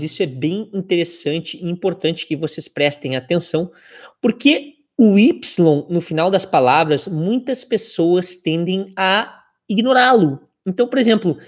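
A woman's voice: lowish voice, darkish tone. A woman teaching English pronunciation in a casual spoken lesson, drilling word pairs and adding laughing asides. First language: Brazilian Portuguese.

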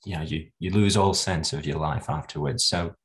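A young man hosting an interview, his voice sitting very deep. He is a medical student who keeps the talk moving with encouraging affirmations. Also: normal speed.

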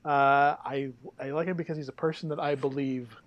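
A man's voice: mid-range voice, fairly even intonation, brisk. A man chatting casually as a panelist, earnest in his praise and playful with jokes. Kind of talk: casual chat.

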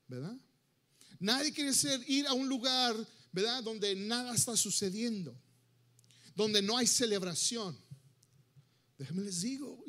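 A man preaching a sermon in a church, animated, dropping into English and acting out little everyday scenes. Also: sits high. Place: church sanctuary.

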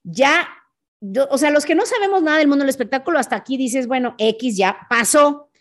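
A Mexican woman hosting a podcast, telling a story in a relaxed, chatty way, with a slightly higher voice. She acts out the punches with sound effects and keeps throwing in quick asides. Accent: Mexican Spanish. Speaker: podcast host. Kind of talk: casual storytelling monologue.

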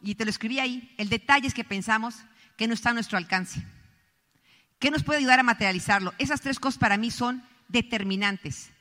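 Bright forceful woman speaking in a hall. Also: on the high side, a little fast. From Colombia. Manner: emphatic, storytelling, addresses the audience directly. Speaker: motivational speaker at a business event. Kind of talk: motivational stage talk. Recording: echoey hall reverb.

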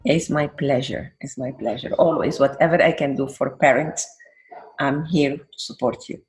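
An older woman with a Venezuelan accent, talking as a guest counselor in an interview. She sounds warm and reflective and sometimes searches for her words. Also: extremely low pitch, moderate pace, faint music behind. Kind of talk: interview conversation.

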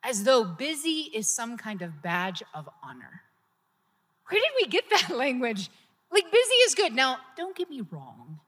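Brief: woman pastor, high bright voice, relaxed sermon delivery, church hall reverb. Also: husky. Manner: conversational preaching with rising emphasis. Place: church sanctuary.

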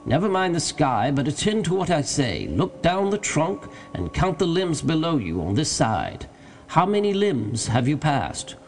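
A man voicing a domineering, excitable gentleman in an audiobook story, giving orders with urgent exclamations. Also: fairly high pitch, measured pace, pitched above the performer's own voice. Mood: commanding. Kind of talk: dramatized audiobook character.

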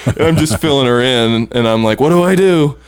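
A man's voice: mid-range voice, a little fast, clean tone, dry recording, clean studio sound. A man telling a long, funny story in casual chat among friends, laughing often and swearing freely.

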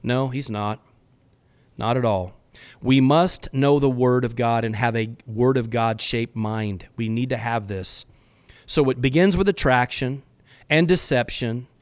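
A man's voice: medium pitch, clear, resonant tone. A man hosting a faith podcast, giving an earnest, exhorting sermon-like teaching in casual language, often stumbling over repeated words.

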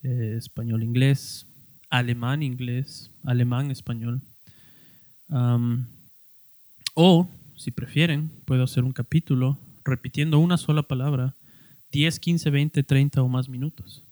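A man hosts a solo podcast in a relaxed, unhurried way, pausing and restarting his words as he explains. His voice sits at a middle pitch. It is recorded close and dry, with no room sound. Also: dry recording. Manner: slow, halting, restarts words while explaining. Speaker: podcast host. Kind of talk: casual solo podcast talk.

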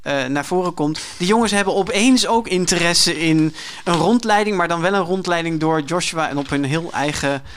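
A man's voice: a little high, moderate pace, few pauses, fairly bright tone, clean tone. A male host leading an interview about a novel and steering to each new topic. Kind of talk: radio interview.

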